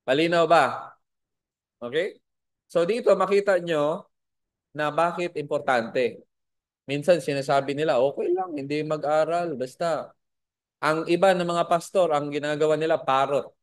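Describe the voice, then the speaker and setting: A man's voice: a little high, measured pace, long pauses. A man teaching a Bible school lesson to a class, spelling out words and asking his students questions.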